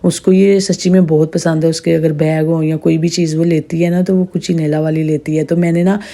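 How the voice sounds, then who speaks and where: A woman in her thirties with a sore, slightly hoarse throat, chatting through a casual vlog voice-over. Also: deep voice, level tone, brisk, warm tone. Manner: chatty, rambling storytelling. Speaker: vlogger narrating her day.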